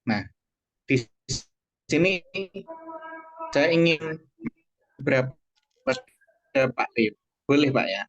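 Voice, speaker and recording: A man leading a coaching practice over a video call. His audio is choppy and keeps breaking up, and his speech is polite and halting. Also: mid-range voice, expressive, muffled recording. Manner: courteous, halting speech with fillers. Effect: choppy, breaking-up online call audio. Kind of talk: formal, polite practice session.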